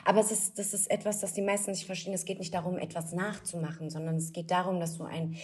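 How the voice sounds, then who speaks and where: A woman's voice: on the low side, fast talker. Candid woman voice actress as guest. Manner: laughing, candid, animated. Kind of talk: casual interview chat.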